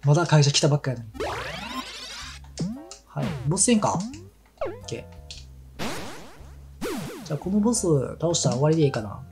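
Over game music, a man with a Kansai accent plays a game and tells meandering stories in casual chat. His voice runs on the high side with big pitch swings, normal speed, and long pauses, as befits a let's play commentator.

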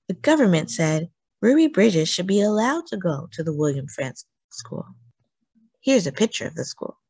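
With expressive, animated intonation, a woman reads aloud to children, deliberately leaning on certain phrases. Her voice is husky and a little low, recorded close and dry with little echo.

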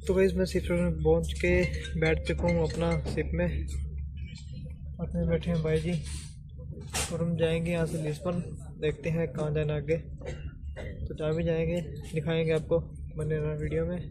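A man's voice: fairly high pitch, monotone, moderate pace, pauses often, background noise. Young man vlogging from a handheld phone. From Haryana, India. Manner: chatty running commentary to camera. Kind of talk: casual daily vlog. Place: kitchen, then outdoors on streets. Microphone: phone at arm's length.

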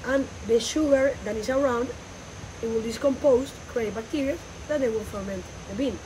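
A woman in her thirties with a Colombian Spanish accent, explaining coffee growing as a farm tour guide outdoors, in animated, non-native English. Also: a little high, moderate pace. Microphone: phone camera a few meters away. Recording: noisy outdoor phone recording.

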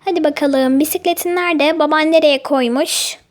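Girl-voiced lady doing a fussy toy mom, super high squeaky voice, soothing. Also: fairly even intonation, normal speed, lightly acted. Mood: puzzled. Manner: soothing, coaxing. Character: worried gentle toy mother of a little girl.

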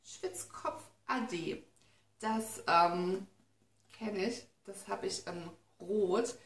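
This beauty vlogger, a young adult, is bubbly and talkative during a casual unboxing, occasionally reading her notes out loud. She talks very slowly at a medium pitch with some fry. Recorded by a camera mic several feet away, the living-room audio sounds roomy and distant, with faint background noise.

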